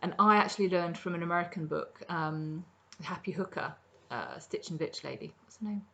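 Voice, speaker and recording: Indoors in her home kitchen, a middle-aged woman hosts a crafting podcast, chatting casually about her projects in a rambling show-and-tell style full of ums. Her voice is lowish and a bit bright, at normal speed.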